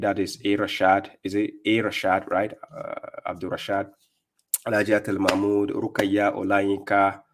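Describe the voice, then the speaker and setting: Leading a live-stream religious talk, a middle-aged man with a Ghanaian accent and fairly low voice speaks with firm emphasis. He regularly stops to ask his viewers "right?".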